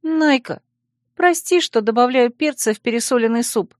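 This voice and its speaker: Audiobook role: caring young female student, put on by a woman reader, high, soft, fretful, dry studio sound. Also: moderate pace, dry recording, lightly acted. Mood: apologetic. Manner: soft, soothing, anxious. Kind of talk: audiobook character voice.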